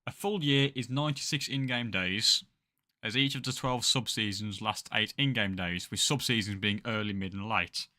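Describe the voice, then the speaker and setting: A man's voice: lowish voice, normal speed, pushed and bright. A young man chatting casually on a game stream, rambling and swearing freely. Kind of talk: casual live-stream chat.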